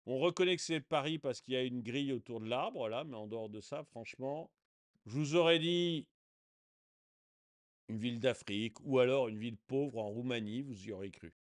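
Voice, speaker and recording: A man's voice: medium pitch, moderate pace, no room sound, clean studio sound. A man giving casual video commentary in a sarcastic, indignant way, often chuckling. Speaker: online commentator.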